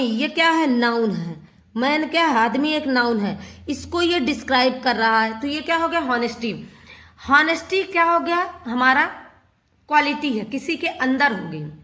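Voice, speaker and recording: Female teacher, high voice, drills students by asking and answering her own questions. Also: a bit bright. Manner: asks questions and answers them herself, repeating. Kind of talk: Hindi grammar lesson explaining English.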